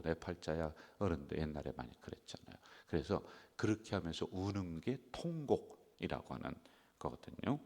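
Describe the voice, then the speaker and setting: A low-voiced man preaching from a church pulpit, his delivery swinging between emphatic, lively peaks and near-whispered asides. The sound carries a long reverberant tail from the sanctuary. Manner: emphatic preaching, often dropping to a hushed whisper. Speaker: pastor. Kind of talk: early-morning sermon and prayer.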